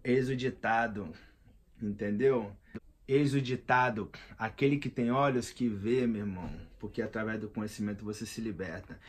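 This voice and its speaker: A man's voice: lowish voice, normal speed. A man in his thirties with a Brazilian Portuguese accent, vlogging in a slangy, emphatic, rambling monologue. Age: 30s. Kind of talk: casual monologue.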